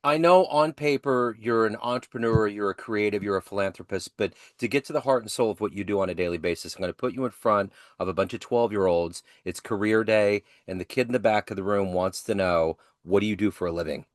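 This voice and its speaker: Guy hosting an interview, lowish voice, dry close sound. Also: fairly quick, few pauses, no echo. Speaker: podcast host. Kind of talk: interview questions.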